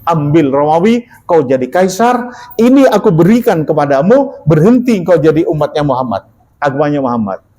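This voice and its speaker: A preacher voicing a commanding Roman emperor. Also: male voice, fairly high pitch, very animated, normal speed, mellow, low-quality recording. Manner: commanding, tempting offers. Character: proud male Roman emperor bargaining with a captive. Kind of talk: sermon storytelling.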